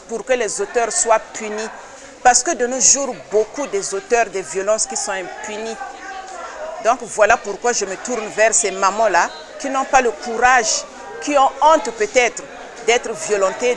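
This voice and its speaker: A woman from the Republic of the Congo, president of an association, answering interview questions earnestly and insistently, with hesitant pauses. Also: mid-range voice.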